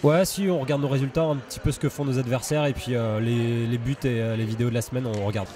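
Chatty young man over loud music. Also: mid-range voice, fairly even intonation, fast talker, far from the mic. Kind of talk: street interview.

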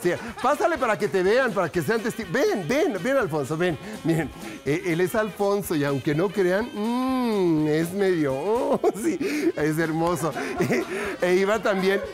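Giggly comedian with a high voice. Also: male voice, lively intonation, a little slow, soft background music. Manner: goofy and giggly, laughs at his own jokes. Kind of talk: stand-up on a TV morning show. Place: TV studio.

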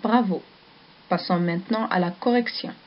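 A woman's voice: on the low side, normal speed. A woman teaching a primary class, reading a story aloud and patiently asking the children questions and praising their answers. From Morocco. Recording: dull lo-fi recording.

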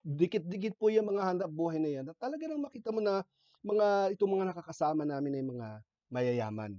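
Animated man telling stories. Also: high voice, brisk, dry recording, muffled recording. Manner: conversational, animated storytelling with frequent "no?" and "okay?" asides. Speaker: lay speaker. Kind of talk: inspirational talk with personal stories.

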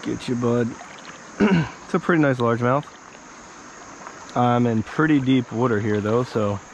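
Out by a small creek in the woods, a thirties-aged American man talks casually to his audience while fishing, filmed on an action camera. He speaks at a measured pace in a mid-range voice. The recording is low quality, with insects and outdoor noise around him.

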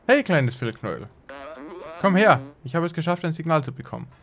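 A man's voice: fast, vocal fry. A man voicing an eager male robot companion in a video game, talking in a raised, emotional voice. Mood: excited. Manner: excited, emotional, pitch jumps up. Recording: game music playing behind.

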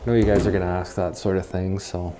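With a deep voice and flat delivery at a quick pace, an urban explorer host chats casually as he walks indoors through an empty abandoned house. He's easily amazed by what he finds, and his body-worn camera picks up background noise.

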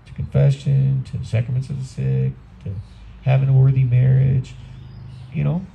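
A man in his sixties with an Upper Midwest American accent preaches an easygoing, conversational homily. His voice is gravelly and dark-toned. He speaks outdoors on a garden patio, heard from a camera set some way off, with a faint hiss in the background. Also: mid-range voice, flat delivery, normal speed, rough recording. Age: 60s. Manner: conversational, plain-spoken preaching. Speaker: priest. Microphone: far camera.

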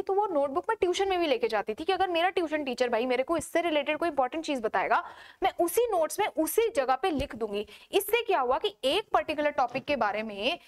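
A young woman giving casual, emphatic study advice to students, repeating her points and asking rhetorical questions. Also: sits high.

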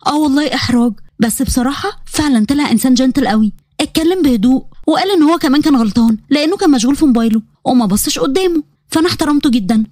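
A woman's voice: sits high, racing, darkish tone, no echo, clean studio sound, close to an everyday voice. A woman voicing a modest, shy young female student with an Egyptian accent, polite and earnest. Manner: polite, earnest, a bit flustered.

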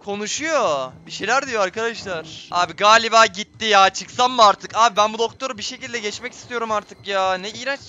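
Male streamer, tense horror-game commentary, high and bright, addresses viewers constantly. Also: brisk, few pauses. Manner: tense, jumpy, talks to viewers. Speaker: gameplay streamer.

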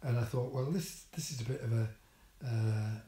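At a moderate pace, an older vlogger with a dark, mid-range voice describes going to the hospital, his dry humour coming through. The echoey room picks up his frequent ums and restarted sentences.

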